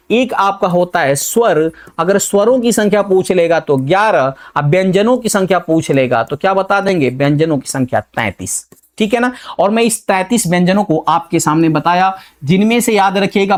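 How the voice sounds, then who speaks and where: A man teaching a grammar lesson for exam prep, asking the class questions and answering them himself. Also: high voice.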